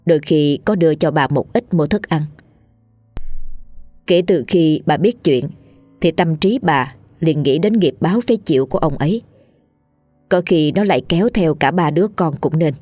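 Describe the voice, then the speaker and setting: A woman, narrating a scripted ghost story in a steady reading voice. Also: low-pitched, normal speed, no room sound, faint music behind.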